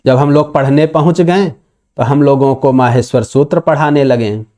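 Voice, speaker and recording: A man teaching Sanskrit grammar in a patient lecture, slowly reciting the sutras and explaining them step by step. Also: mid-range voice, mellow. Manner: acts out a student's objection in dialect.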